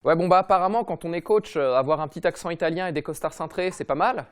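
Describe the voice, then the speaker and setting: A man tears through a comic rant at breakneck speed. His voice sits a little high, and his delivery is mocking and slangy. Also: smooth. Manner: mocking, slangy, rapid-fire. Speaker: comedy football podcast host.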